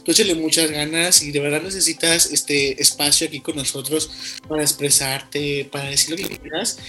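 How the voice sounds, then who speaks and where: Podcast host with a León, Guanajuato accent, friendly and rambling, middle pitch and a bright tone. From León, Guanajuato, Mexico. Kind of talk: casual interview chat.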